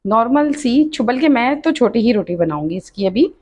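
The recording is muffled, but this host's fairly high, slightly mellow voice comes through with lively intonation at a normal speed. She narrates a step-by-step cooking tutorial from her home kitchen in a chatty, instructive way, frequently saying "achha" and "dekhiye."

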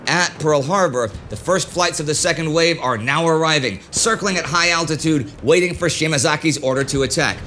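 A man in his thirties hosting a history documentary, reading a script in a measured storytelling manner with direct asides. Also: on the high side, a bit bright. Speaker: host. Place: indoor studio set with a desk.

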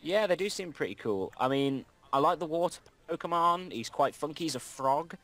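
A man's voice: fairly high pitch, animated, moderate pace, fairly bright tone. A young man hosting a let's play, chatting casually and rambling with frequent restarts. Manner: rambling, self-correcting, reads game dialogue aloud. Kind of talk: casual gameplay chat.

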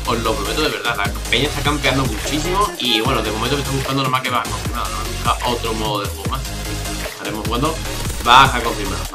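A young Spanish man from Spain talks over his shooter gameplay, grumbling and swearing at campers. He keeps his voice low and restrained. Game music plays clearly behind him. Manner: chatty, exasperated, swears often; keeps voice down, not shouting. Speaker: gaming YouTuber. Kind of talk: gameplay commentary. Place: home room, early morning.

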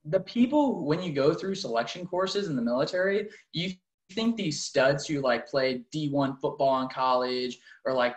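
A man's voice: mid-range voice, poor audio. Young man chatting casually, slangy. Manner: informal, slangy, frequent "like". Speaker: car salesman in training, military veteran. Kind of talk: casual motivational chat.

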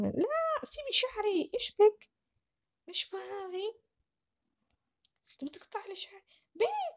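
A woman's voice: extremely high pitch, muffled recording. Young woman. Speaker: role-play game player. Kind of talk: casual role-play narration.

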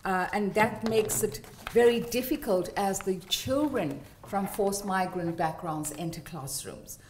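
A woman gives a lecture in a large theatre, speaking in an explanatory way and running through terms one by one. Her voice sits at an average pitch. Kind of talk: academic lecture.

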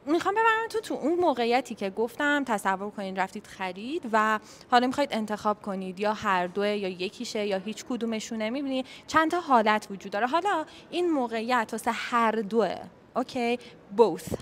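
A young woman from Iran teaches a casual English lesson on video, chatty and checking in with listeners all the time. Her voice sits a little high. A faint hum of the room runs under her. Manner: chatty, repeats "okay?" often, switches between Persian and English. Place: office with colleagues leaving.

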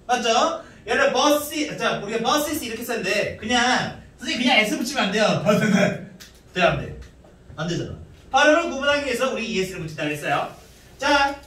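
A man with a very high, bright voice lectures on grammar to students. He keeps asking rhetorical questions and repeating key points. He sounds far from the mic in a strongly echoing room. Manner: repetitive, quizzing students, many rhetorical questions. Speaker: middle school English teacher.

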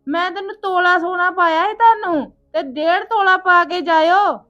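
A woman's voice: very high voice, moderate pace, a bit bright, lo-fi sound. A young woman playing a poor, worried village housewife and mother who complains and quarrels. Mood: exasperated. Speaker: mother and wife. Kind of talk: homemade village drama acting.

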